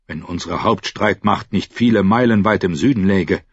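A steady knight with a calm, wry way of talking, as a man reading aloud puts him on. The voice is husky and close-miked and dry, in a dull recording. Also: deep voice, normal speed, dry recording. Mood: stern.

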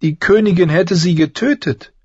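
A man voicing a tearful, fierce young girl who blames herself, speaking high and pleading through sobs. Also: moderate pace, darkish tone, breathy edge, no echo, dull audio. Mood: upset. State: crying.

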